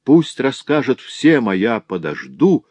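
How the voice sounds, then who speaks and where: A man's voice: mid-range voice, sing-song, unhurried, no echo, voice pushed up. A man voicing a grief-stricken, furious artisan father in an audiobook reading. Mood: bitter. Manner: anguished shouting, bitter outbursts. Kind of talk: audiobook character voice.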